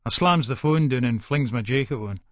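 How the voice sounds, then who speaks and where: Recorded with studio quality and no echo, an actor narrates a dramatic audiobook as a foul-mouthed, quick-tempered Scottish hard man with an Edinburgh accent. His mid-range voice stays close to an everyday one at a moderate pace, while the narration itself is aggressive, colloquial, irritable and scornful.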